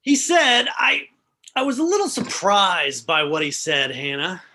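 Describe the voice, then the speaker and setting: A woman reading the role of a sheepish husband, with a halting, hesitant delivery in a comic play reading. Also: fairly low pitch, pushed and bright, a little hiss or hum.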